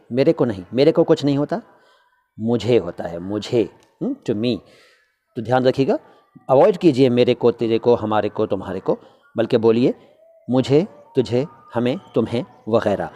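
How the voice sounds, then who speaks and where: Mellow-voiced man teaching Hindi usage. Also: mid-range voice. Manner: conversational, repeats words to model pronunciation. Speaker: Hindi-Urdu language teacher. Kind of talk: casual spoken lesson on usage.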